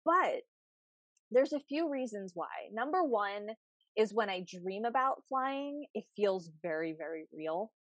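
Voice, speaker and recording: A woman from the United States hosting a podcast interview, chatting casually and telling stories in an animated way. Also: mid-range voice, measured pace, dry recording. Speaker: podcast host.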